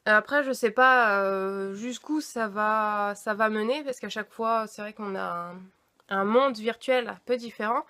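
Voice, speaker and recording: A young woman casually showing her new books to the camera, chatty and hesitant, often pausing on fillers. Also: fairly high pitch, fairly bright tone. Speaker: book vlogger. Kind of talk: casual book haul vlog.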